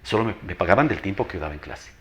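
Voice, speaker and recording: Rapid-fire and expressive, this low-voiced older man, a veteran teacher with an Ecuadorian accent, recounts anecdotes as an interview guest in a strong, announcer-like voice. He speaks emphatically, repeats phrases and acts out dialogue.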